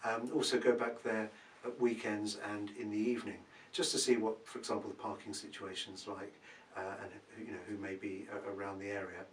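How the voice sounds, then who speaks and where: A man, a property expert answering viewer questions in a casual Q&A, relaxed and thinking aloud with many ums. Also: fairly low pitch, brisk. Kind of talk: casual advice Q&A. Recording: roomy, from a distance, faint background hum.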